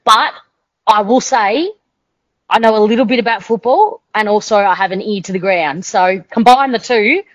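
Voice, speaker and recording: A woman's voice: medium pitch, moderate pace, no echo. A woman with an Australian accent co-hosting a casual football podcast, confident and emphatic in her opinions, on a dull, dry lo-fi recording. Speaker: podcast co-host.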